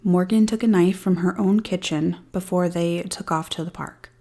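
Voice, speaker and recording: A woman's voice: fairly low pitch, fairly even intonation, moderate pace, warm tone. A woman hosting a true crime podcast, retelling a case with dry, sarcastic asides. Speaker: podcast host. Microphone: studio-style podcast mic.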